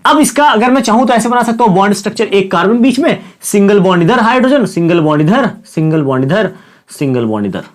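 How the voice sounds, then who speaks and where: This chemistry lesson comes from a male science teacher whose high voice is very animated and fast, though sore and slightly hoarse. In classroom style he asks and then answers his own questions, calls listeners "kids" and "brother", and hammers home the key words through repetition.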